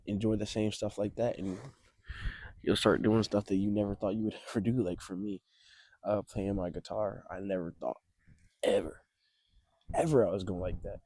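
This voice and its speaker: This young adult vlogger's voice is on the low side and mellow, with flat delivery, moderate pace, and long pauses; there's no echo. Chatting casually and reflectively to camera, he offers rambling, hesitant advice outdoors on a snowy, windy, cold beach, his voice trembling from the cold.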